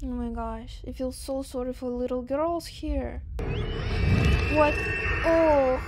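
A woman's voice: high-pitched, takes it slowly, over loud music. A young woman from Russia with a Russian accent, reacting to a film with gasps and exclamations. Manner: excitable, gasping and exclaiming. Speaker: reaction video host. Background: film soundtrack.

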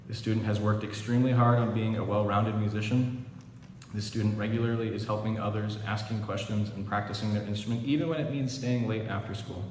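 A man rattles through a list of student awards at a school concert, quick and matter-of-fact. His voice rings through a large theatre hall, caught from a distance. Faint noise sits under the long reverb. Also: fairly low pitch. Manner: brisk, fast listing of names. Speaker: orchestra director. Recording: echoey hall from far off.

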